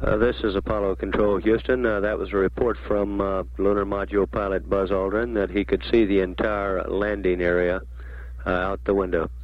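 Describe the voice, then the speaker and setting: A man with a low, monotone voice delivers official mission commentary. He is measured and matter-of-fact, pausing hesitantly, on a dull archival radio recording. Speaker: mission control public affairs announcer.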